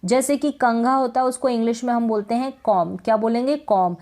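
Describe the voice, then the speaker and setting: A woman explains an English pronunciation lesson patiently, repeating each word and posing questions she then answers herself. Her fairly high voice is a little mellow, with fairly even intonation and a fairly quick pace.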